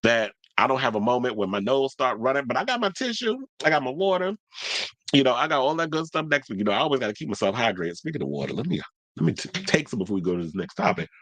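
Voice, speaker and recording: A man hosts a celebrity gossip podcast, delivering casual solo commentary in a chatty, blunt style and swearing freely. Allergies leave him stuffy and congested. His mid-range voice is fast and a bit bright, with big pitch swings, captured in a dry recording.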